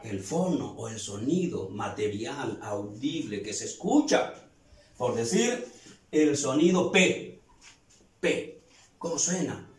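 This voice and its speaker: A man's voice: mid-range voice, sing-song, slow pace, darkish tone. A male teacher giving a grammar lesson to students, explaining step by step and asking questions he then answers. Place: classroom. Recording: echoey room, voice far from mic.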